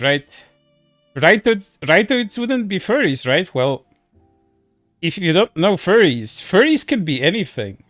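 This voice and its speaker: A man's voice: on the high side, dry recording. A man chatting casually on a livestream, speaking bluntly and crudely in a scornful way into a headset mic.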